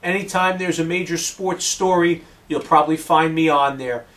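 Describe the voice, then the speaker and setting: A man with a fairly high voice talks sports with passion and strong opinions. He sounds a little distant from the microphone, as in a casual podcast recording. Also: moderate pace. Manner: opinionated, energetic, promotional. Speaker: sports radio host and regular guest.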